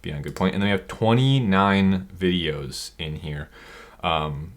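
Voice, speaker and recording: Low-voiced energetic man. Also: unhurried. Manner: energetic, rambling, self-interrupting. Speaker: online seller coach. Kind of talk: screen-share tutorial.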